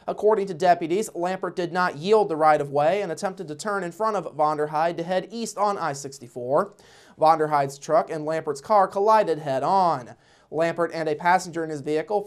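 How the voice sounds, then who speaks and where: A woman's voice: on the low side, a little mellow. A woman with an American accent reading scripted local news in a formal news anchor delivery.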